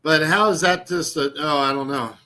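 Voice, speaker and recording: A man in his sixties hosts his own YouTube channel, rambling casually with lots of fillers and false starts. His voice is fairly high and sharp, at a moderate pace, and the audio quality is poor. He mocks things and laughs at his own jokes.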